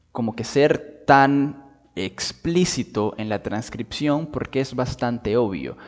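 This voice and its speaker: A man giving a patient video lesson on phonetics, drawing out sounds slowly to demonstrate them and often checking in with his listeners. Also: medium pitch, darkish tone, long reverb tail. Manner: checks in with "¿vale?" and "¿ok?". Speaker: linguistics teacher.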